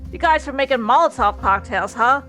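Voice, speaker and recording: A hard-boiled male detective from the 1930s, as a woman puts him on, talking in a tough Brooklyn drawl. The voice sits rather high for such a man. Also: expressive, brisk, a bit bright, faint music behind. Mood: gruff. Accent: put-on Brooklyn.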